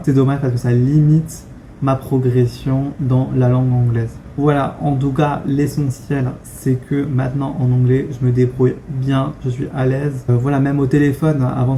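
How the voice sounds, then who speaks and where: Faint ambient hum runs beneath a young French vlogger's mid-range voice as he talks frankly to camera. His tone is very dark and mellow, the melody stays mostly flat, and his relaxed talking-head delivery is full of fillers, pauses, and restarts.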